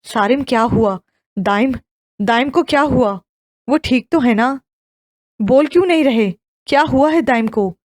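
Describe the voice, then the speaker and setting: A woman's voice: on the high side, a little mellow, no room sound, clean studio sound, close to an everyday voice. A woman voicing a distraught pleading young wife. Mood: frantic. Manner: frantic, pleading questions.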